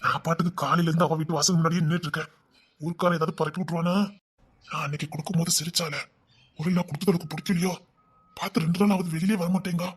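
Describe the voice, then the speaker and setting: A man's voice: a little high, steady tone, very fast, husky. A man playing a lovesick youth. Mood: worried scheming. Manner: fretful rambling inner monologue, then pleading. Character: lovesick young village man, restless, scheming to elope. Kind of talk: audio love-story drama.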